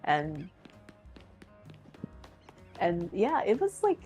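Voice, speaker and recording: Rambling, giggly woman on a livestream, slightly low voice, soft music underneath. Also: wildly swooping pitch, extremely slow. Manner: rambling, giggly, many likes and fillers. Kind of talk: casual chat.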